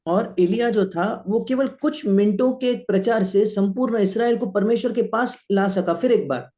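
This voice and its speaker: High, mellow male interpreter. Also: normal speed. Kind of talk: sermon interpretation.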